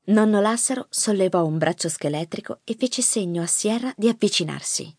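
Expressive woman narrating an audiobook. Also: mid-range voice, no room sound. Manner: expressive, measured storytelling. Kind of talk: scripted narration. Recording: dry close studio mic.

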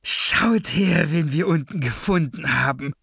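A man voicing a gleeful, cruel female henchman with a high, giddy, playful voice in an audiobook. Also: animated, measured pace, vocal fry, bright, forceful tone, slightly rough, no room sound, studio quality, full character voice. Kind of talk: audiobook character voice.

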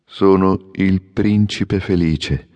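A man voicing a grave golden statue of a sorrowful prince in an audiobook fairy tale, speaking in a solemn, measured way. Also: deep voice, fairly even intonation, a little mellow, dry recording, muffled recording. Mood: melancholy. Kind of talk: audiobook character reading.

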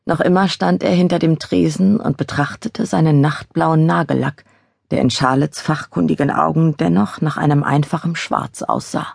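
A woman narrating an audiobook on a close studio mic, in a measured, expressive reading with a husky, gravelly voice. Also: deep voice, no echo. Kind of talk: scripted narration.

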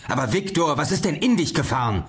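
A man's voice: sits low, fairly quick, slightly rough. A man voicing a gaunt, worried older male doctor who pleads urgently with a friend in an audiobook thriller.

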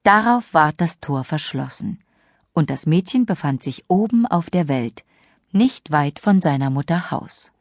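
A woman reading a fairy tale as an audiobook narrator, with expressive storytelling. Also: low-pitched, unhurried, no room sound, clean studio sound.

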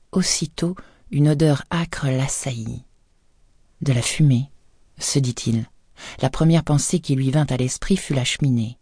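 Mellow-voiced woman narrating an audiobook. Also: a bass voice, no room sound, clean studio sound. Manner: measured, even storytelling.

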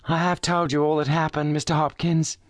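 A high, lilting young noblewoman , as a male reader puts her on, weary from her injuries yet quick to flare into indignation. Her pleas climb well above the reader's own register. The voice is close and dry, with no room sound behind it. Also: little pitch movement, dry recording, natural voice. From brought up in South Australia. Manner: raised, pleading, indignant. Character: young titled lady, injured, weary and passionate.

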